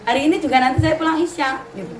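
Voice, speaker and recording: Female religious teacher, middle-aged, Javanese accent, folksy storyteller; far-off mic in an echoey pavilion with steady ambient noise. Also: high-pitched, rapid-fire. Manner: anecdotal, chatty, mixes in Javanese words. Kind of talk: religious study talk to mothers. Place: open pavilion hall. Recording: roomy echo, distant mic, ambient noise.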